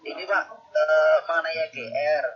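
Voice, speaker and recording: A man calling into an online discussion, his audio choppy and breaking up as he speaks haltingly. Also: on the high side, fairly even intonation, faint music behind. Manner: halting, with many hesitations. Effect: choppy, breaking-up call audio. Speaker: caller in an online technical discussion. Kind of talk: casual remote chat. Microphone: remote call. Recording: dull lo-fi call line.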